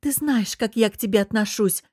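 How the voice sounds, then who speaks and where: A woman's voice: medium pitch, normal speed, dry recording, studio quality, close to an everyday voice. A woman reading an audiobook who voices a jealous, scheming young woman with a sulky, purring, spiteful manner. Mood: reproachful.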